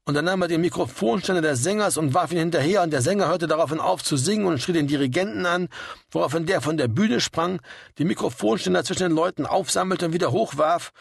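A man reading a story aloud in a steady, wry narrating manner. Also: fairly high pitch, fast talker, creaky, slightly rough, dry recording, clean studio sound. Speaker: audiobook reader. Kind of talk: scripted narration.

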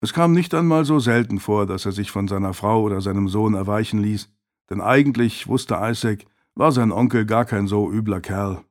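A man calmly narrating a historical novel as an audiobook. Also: lowish voice, moderate pace. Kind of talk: scripted narration.

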